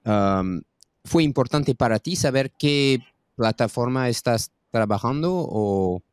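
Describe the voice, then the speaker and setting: Man, podcast host, hesitant questions, lively pitch, dry sound. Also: takes it slowly, smooth, no echo. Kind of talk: interviewing.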